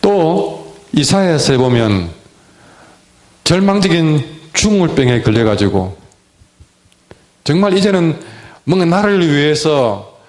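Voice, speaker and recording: A man preaching a sermon as a pastor, with a sore throat, swinging between loud cries and hushed words. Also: on the high side, sing-song, takes it slowly, pauses often.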